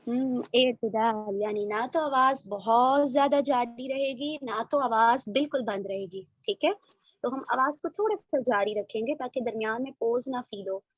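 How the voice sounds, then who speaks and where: High-voiced woman tajweed teacher. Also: no echo, dull audio. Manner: models verses slowly, corrects and praises briskly. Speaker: Quran recitation teacher. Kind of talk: online tajweed lesson, call and repeat.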